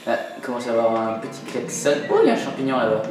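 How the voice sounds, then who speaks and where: Racing along in a level, mid-range voice, this man narrates his video game play with jokes at his own expense, plenty of fillers, and lots of laughter. As a let's play host, he records in a very echoey room with game music playing.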